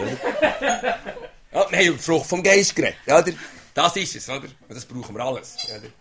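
Man, gravelly, informal preaching, keeps asking "oder?". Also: medium pitch, slight background noise. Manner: conversational, often asks "oder?". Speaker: lay preacher. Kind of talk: informal sermon to a small group.

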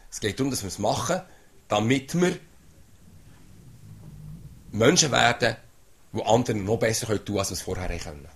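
Gravelly man preaching. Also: fairly low pitch. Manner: conversational, often asks "oder?". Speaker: lay preacher. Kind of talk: informal sermon to a small group.

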